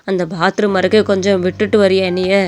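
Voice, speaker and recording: A woman voicing a frail, gentle elderly mother-in-law who speaks softly and weakly. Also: medium pitch, flat delivery, fast talker, pitched below the performer's own voice, lightly acted. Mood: feeble pleading. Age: older. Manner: soft, weak and pleading.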